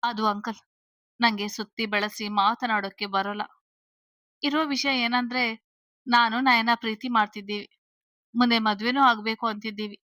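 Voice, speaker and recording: A confident young man speaks bluntly about his love and his plans, as a woman reads his lines. The voice is bright and high-set, close and dry. It comes from an audio storybook. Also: fairly even intonation, moderate pace, pauses often, dry recording, low-quality recording. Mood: earnest. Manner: blunt, straightforward.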